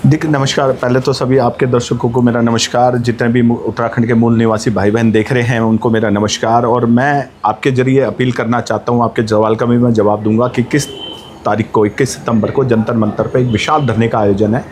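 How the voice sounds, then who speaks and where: A man's voice: mid-range voice, fairly even intonation, fairly quick, darkish tone, slight background noise. A man speaking as an activist guest, making a rousing, rhetorical appeal that climbs to emphatic peaks. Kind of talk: impassioned interview speech.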